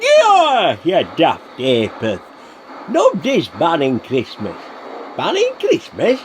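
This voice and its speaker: A man's voice: a little high, huge pitch swings, slow pace, a little hiss or hum, heavily acted. A man playing a flustered, blustery old Santa Claus in a radio play. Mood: blustering.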